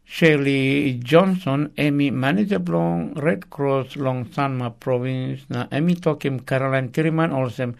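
A man's voice: medium pitch, unhurried, gravelly, hardly any pauses. A man with a Melanesian accent reading scripted news in pidgin. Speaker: news reporter.

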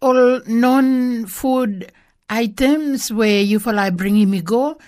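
A woman's voice: a little high, slow, darkish tone. A woman with a Melanesian accent asking interview questions in pidgin.

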